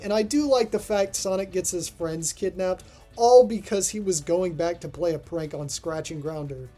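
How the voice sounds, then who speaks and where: Backed by music, this host reads a scripted review voice-over at medium pitch, casual and deadpan with offhand asides, much like a countdown of cartoon episodes. The voice has a mellow character.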